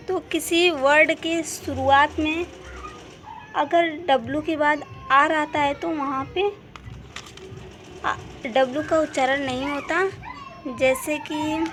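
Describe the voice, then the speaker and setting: A woman's voice: high voice, a bit bright. A woman teacher patiently explaining English spelling rules step by step in a home-made lesson video.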